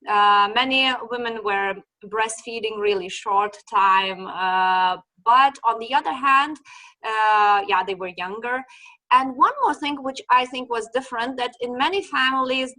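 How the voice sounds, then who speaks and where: A woman in her forties with a Lithuanian accent hosts a casual interview as a children's sleep consultant, chatty and searching for words with fillers and repeats. Her voice is on the high side with a bright, forceful tone. The recording quality is low.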